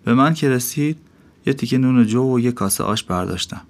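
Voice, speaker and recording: A man narrating a novel as an audiobook, in a calm, measured delivery. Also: medium pitch. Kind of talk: novel read aloud. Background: soft music.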